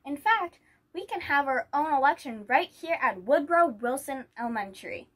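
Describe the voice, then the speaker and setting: A woman's voice: high-pitched, lively intonation, moderate pace, a bit bright. A woman voicing an encouraging, matter-of-fact female schoolteacher while reading a children's picture book.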